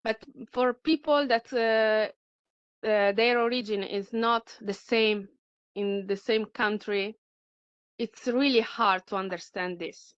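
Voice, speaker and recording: A middle-aged woman speaks English, taking her time and pausing often to search for her words. Her voice comes through smooth and clear, though the recording itself is dull and lo-fi. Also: fairly high pitch, no room sound. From Italy. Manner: halting, searching for words, many fillers. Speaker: speaker sharing personal experience. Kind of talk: personal testimony at a talk.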